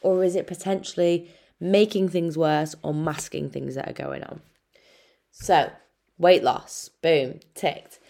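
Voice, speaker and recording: Woman, Irish accent, young adult, lowish voice, frank and chatty, sweary, nutritionist podcast host. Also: steady tone, takes it slowly, vocal fry, mellow. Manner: frank and chatty, swears freely, addresses listener as babe. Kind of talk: casual solo podcast talk.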